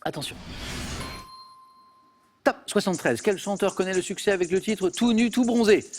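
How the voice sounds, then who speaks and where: Brisk, fairly high-voiced male quiz host. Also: slight background noise. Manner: brisk, reads questions crisply. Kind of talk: game show hosting. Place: television studio.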